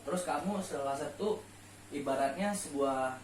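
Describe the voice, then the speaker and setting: On a late-night discussion show, the main speaker, a man with a slightly high voice, talks at a normal speed in a relaxed, explanatory way about faith and life. He leans on rhetorical questions and repeats important words to stress them. Faint noise, a distant mic, and roomy echo color the audio.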